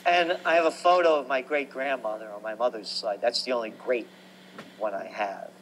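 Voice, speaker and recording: A man, telling stories about his life as a guest in an animated, emphatic way. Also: medium pitch, moderate pace, slight background noise, poor audio. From New York. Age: 60s. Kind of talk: conversational storytelling.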